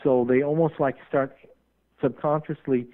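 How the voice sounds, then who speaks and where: A man's voice: medium pitch, fairly even intonation, normal speed. A man being interviewed as a paranormal investigator on call-in radio, talking at length and running on in a rambling way. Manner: talkative, rambling, admits he runs on. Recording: tinny phone line.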